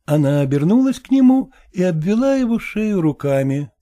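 A man reading a classic story aloud as narrator, in measured literary narration. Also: high-pitched, very animated, warm tone. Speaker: audiobook narrator.

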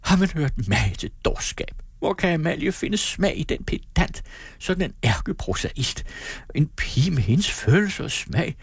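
A man reading aloud, voicing a sharp-tongued middle-aged mother who makes scornful, quick retorts. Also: mid-range voice, animated, breathy edge, no echo, clean studio sound, pitched above the performer's own voice.

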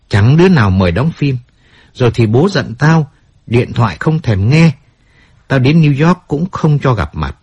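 A man's voice: mid-range voice, darkish tone. A man reading the part of a washed-up male singer who curses bluntly and then apologizes, in a storybook audiobook. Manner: blunt, rough-spoken, swings between cursing and apology.

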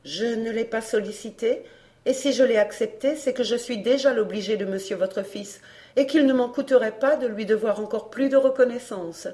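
A woman reading an audiobook, voicing a proud, guarded young woman who speaks quietly and with restraint. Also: fairly high pitch, moderate pace, close to an everyday voice. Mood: restrained.

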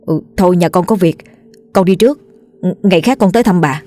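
A woman voicing a wary, level-headed village boy who talks quickly and cautiously. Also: fairly low pitch, warm tone, dry recording, soft background music, close to an everyday voice.

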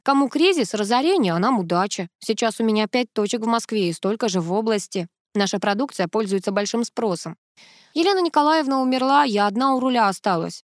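A woman reading the part of a self-assured businesswoman and mother in an audiobook, with a brisk, matter-of-fact delivery. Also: mid-range voice, no room sound, clean studio sound, lightly acted.

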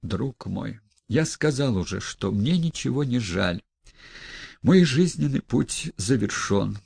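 A man doing a frightened old gentleman. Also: mid-range voice, gravelly, breathy edge, dry recording, exaggerated voice. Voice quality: hushed, fearful, drawn-out. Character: frightened elderly male gentleman, despairing.

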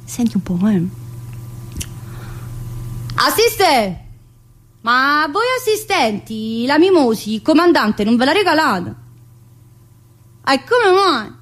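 In a heavily acted theatre monologue, a woman voices a cheeky prison inmate with a southern Italian accent, playful and mocking. Her voice sits high and fairly bright, very animated but slow, with long pauses. The colloquial, dialect-tinged delivery is familiar and packed with rhetorical questions.

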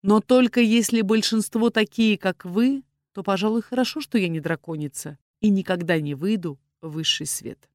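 A woman's voice: mid-range voice, moderate pace, darkish tone, dry recording, lightly acted. A woman voicing a proud young woman who angrily defends her parents before a dragon lord, in a dry audiobook reading. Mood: furious. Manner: indignant, proud, raised voice.

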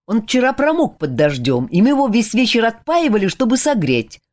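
A woman voicing a frightened young man who cries out anxiously in a high voice. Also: very animated, fairly quick, a little mellow. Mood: alarmed, worried. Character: frightened fussy young man, worried friend.

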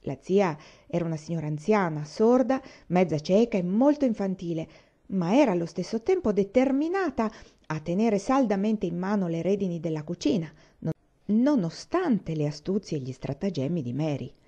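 A woman reading a novel aloud in a calm, even storytelling manner. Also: on the low side, normal speed, muffled recording. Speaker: audiobook reader.

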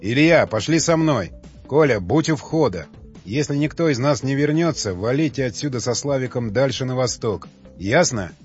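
A hard-edged soldier leader barking clipped orders at his men, played by an audiobook reader. His voice has a middling male pitch and a slightly dull, lo-fi sound, with faint music in the background. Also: expressive, normal speed, natural voice. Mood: commanding. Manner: curt, commanding.

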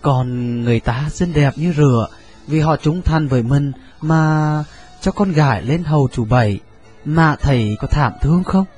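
Một người đàn ông đọc truyện, đóng vai quan huyện lễ phép với mẹ, nói ngập ngừng, giọng miền Trung. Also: male voice, a little high, moderate pace, darkish tone, breathy edge. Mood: deferential. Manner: hesitant, full of fillers. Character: district mandarin son, deferential and scheming.

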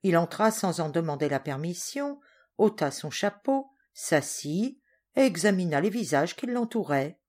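A woman narrating a storybook in a clear, measured reading voice. Her voice sits low for a woman. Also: big pitch swings, darkish tone. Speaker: volunteer audiobook reader.

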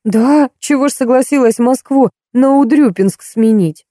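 A woman's voice: high voice, unhurried, mellow, no room sound, studio quality, voice pushed up. A woman reading an audiobook, voicing a harsh, angry female housekeeper who scolds and snaps. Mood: scolding.

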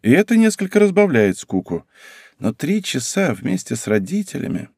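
A man's voice: medium pitch, sing-song, moderate pace, a little mellow, slightly rough, dry recording, studio quality, pitched above the performer's own voice. A man reading an audiobook, voicing a playful, haughty girl in a sing-song, mock-pompous way. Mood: playful boasting.

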